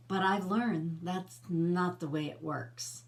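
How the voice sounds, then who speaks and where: A woman's voice: on the low side, slow pace, creaky. A middle-aged woman hosting her own personal growth channel, talking casually to camera in a conversational, coaching way and asking the viewer questions.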